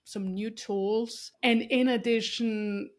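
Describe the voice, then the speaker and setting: Her voice sits fairly high, with fairly even intonation and a slow delivery. She's an Austrian-born woman hosting a podcast, chatting casually with an interview guest in a warm, effusive way and frequently restarting and using fillers.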